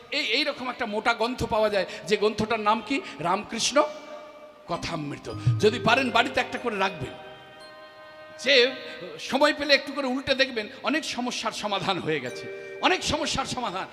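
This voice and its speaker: A man preaching a devotional sermon, emphatic and impassioned, breaking into chanted refrains. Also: very high voice. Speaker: kirtan singer and preacher. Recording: echoey hall with faint music.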